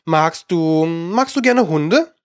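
A man's voice: sits high, lively intonation, measured pace, dry recording, studio quality. A man voicing a polite, curious young girl who talks eagerly and coaxingly.

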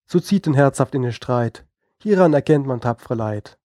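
A man's voice: mid-range voice, lively intonation, normal speed, warm tone, no room sound, clean studio sound, natural voice. A man voicing a timid, pompous Swabian leader in a storybook, crying out in Swabian dialect.

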